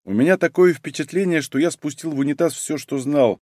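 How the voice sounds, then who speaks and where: A man's voice: fairly high pitch, fairly quick, darkish tone, no room sound, clean studio sound, natural voice. A man reading aloud, voicing a young male detective who complains and grumbles. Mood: complaining.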